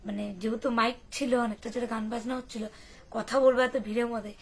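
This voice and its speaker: A young woman from West Bengal with a hoarse voice, chatting casually and rambling to her camera as a vlogger. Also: on the high side, flat delivery, fast. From West Bengal, India. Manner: chatty, rambling, many fillers.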